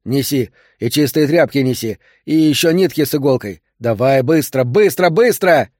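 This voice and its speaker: Gruff male doctor under pressure, urgent commands, dry close sound, read by a male narrator. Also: mid-range voice, moderate pace, darkish tone, no echo, lightly acted. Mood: commanding. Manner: barking urgent orders. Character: male doctor forced into emergency surgery, gruff, bossy.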